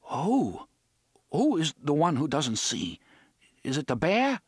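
A man's voice: sits high, big pitch swings, a little slow, vocal fry, no echo, studio quality, pitched above the performer's own voice, full character voice. Man doing a wry, nervous young man. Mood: nervous hush. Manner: loud showman bellow.

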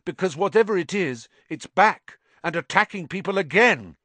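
A man's voice: high voice, animated, normal speed, pushed and bright, no room sound, pitched above the performer's own voice, heavily acted. A man voicing a frightened schoolboy who speaks urgently and breathlessly in a storybook reading.

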